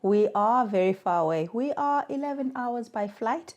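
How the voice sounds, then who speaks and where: Animated and fairly high-pitched, with a slightly mellow quality, this South African woman speaks at normal speed. In her thirties and working in communications for a mothers' charity, she tells her own story earnestly and reflectively as a remote podcast guest.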